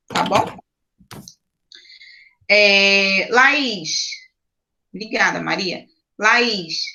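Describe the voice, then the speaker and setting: A woman's voice: a little high, bright, forceful tone, dull audio, slight background noise. A woman teacher with a Brazilian Portuguese accent, patiently explaining grammar to children on a video call and checking in often. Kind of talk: online class teaching.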